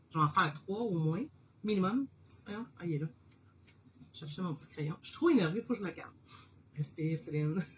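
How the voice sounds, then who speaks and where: A woman with a Québécois French accent chatting excitedly to her live viewers while she sketches and tries out watercolors, laughing often. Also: medium pitch, a little hiss or hum, poor audio. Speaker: host of an art live stream. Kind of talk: casual live-stream chat while painting.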